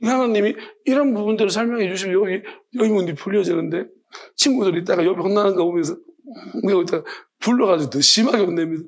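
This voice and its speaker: A man pastor preaching an evening sermon, retelling a story with lively acted-out quotes. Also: sits high, fast talker. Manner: animated storytelling, acting out quoted lines.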